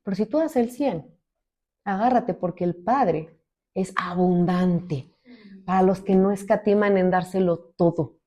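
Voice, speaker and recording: A woman from Mexico preaching a sermon as a minister, expressive, swinging between loud emphasis and soft asides. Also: medium pitch, unhurried.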